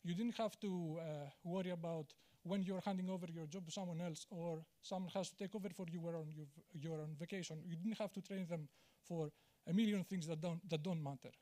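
A man speaks from a big auditorium stage into a handheld mic. His voice sits high, and he talks candidly, poking fun at himself. He stops often on "uh" and restarts his sentences. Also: fairly even intonation, fairly quick, few pauses, dark tone. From Greece. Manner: candid, self-deprecating, many "uh" fillers and restarts. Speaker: conference speaker. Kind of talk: conference talk.

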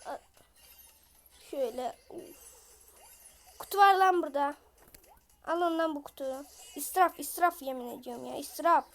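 A woman with a voice off from illness, giving excitable live gameplay commentary, chatting in slang and yelling at opponents. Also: sits high, normal speed, pauses often. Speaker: gaming video creator.

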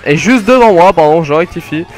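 A young man casually commenting his kart race, joking and rambling with sudden excited outbursts. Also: a little high, fairly quick, faint music behind. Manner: jokey, rambling, self-mocking, bursts of excited yelling. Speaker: gaming commentator. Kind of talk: casual let's play commentary.

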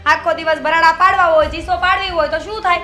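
Young sarcastic daughter-in-law, very high voice, curt, echoey room. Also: female voice, fairly even intonation, fast talker, sharp tone. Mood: dismissive. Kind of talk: film drama acting.

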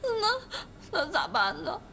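A woman's voice: very high voice, very animated, takes it slowly, vocal fry, sharp tone, slight background noise, exaggerated voice. An actress playing a distraught young woman who cries and stammers as she pleads. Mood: tearful. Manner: sobbing, stammering pleas. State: crying. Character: distraught young woman Caomei, tearful and clingy. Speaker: young woman claiming pregnancy.

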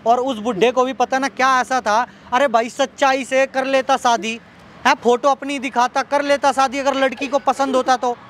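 A man's voice: very high voice, steady tone, normal speed, fairly bright tone. A man appealing to viewers for help, pleading and repeating himself, and soothing when someone cries. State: unwell. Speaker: vlogger helping a young woman.

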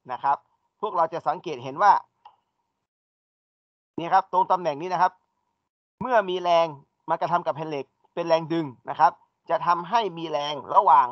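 A man's voice: on the high side, no echo. A man teaching an engineering class, explaining step by step and asking his students questions. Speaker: engineering lecturer. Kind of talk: classroom lecture. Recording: dull dry lecture recording.

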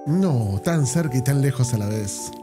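A man with an Argentine accent giving casual reaction commentary as a streamer, with quick offhand slangy remarks and frequent laughter. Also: mid-range voice, animated, music in the background. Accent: Argentine Spanish.

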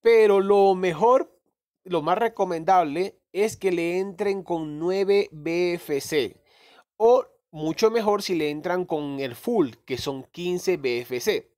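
A crypto gaming YouTuber talks casually over a phone screen recording, explaining a crypto game while rambling, correcting himself and swearing mildly. His voice sits high, slow and a little mellow.

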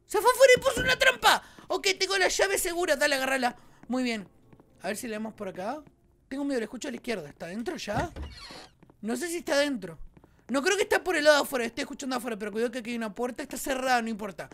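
A man's voice: extremely high pitch, sharp tone. A young man with a Rioplatense Argentine accent, commentating his gameplay for viewers and shrieking when startled. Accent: Rioplatense Argentine Spanish. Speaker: gaming YouTuber.

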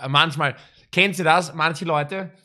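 A man's voice: on the high side, takes it slowly, pushed and bright. A man in his thirties with an Austrian accent, giving exasperated, sarcastic, mocking reaction commentary. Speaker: reaction streamer. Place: small indoor room lined with clothing racks.

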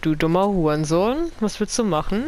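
An excitable gamer bantering crudely in slang over a casual voice chat. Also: mid-range voice, normal speed. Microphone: gaming voice chat microphone. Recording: noisy gaming chat with clicks.

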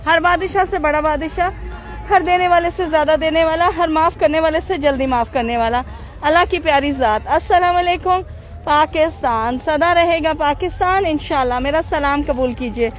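At a moderate pace and high pitch, the mask-muffled Pakistani woman keeps up her casual live vlog outdoors in the bazaar. She jokes, greets viewers, haggles and mixes in English phrases. A busy market crowd sounds behind her handheld phone.

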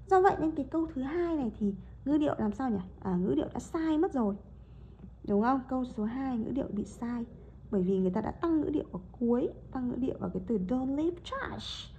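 Woman teacher, high and soft-toned; patient step-by-step explainer who drills sentences slowly with overdone intonation. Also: rough recording. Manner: explains step by step and keeps checking with rhetorical questions; reads example sentences slowly with exaggerated rising and falling intonation. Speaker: English teacher. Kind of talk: explaining a lesson.

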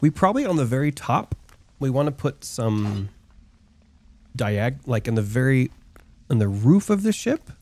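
A young man chatting through a multiplayer building game as host. His voice is mellow and soft-edged, and it swings lively up and down as he thinks aloud. He laughs easily between remarks. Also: mid-range voice, a little slow, pauses often. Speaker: gaming channel host. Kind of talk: casual multiplayer gameplay chat.

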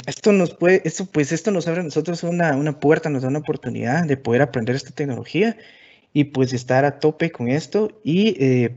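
A man from Guatemala with a Guatemalan Spanish accent, giving a relaxed technical webinar presentation full of fillers and restarts. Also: mid-range voice, muffled recording. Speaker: conference speaker.

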